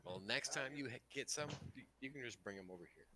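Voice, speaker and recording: A man's voice: medium pitch, animated, fast, pushed and bright, slight background noise. A man joking playfully with friends over an online voice call. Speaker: tabletop game player. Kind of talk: casual chat before a game session.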